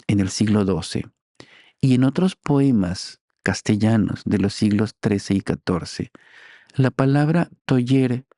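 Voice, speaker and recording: A man being interviewed as a teacher, explaining in a slow, deliberate, teacherly way and spelling out syllables. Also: mid-range voice, vocal fry, warm tone, no echo, studio quality. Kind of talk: interview, explaining language history.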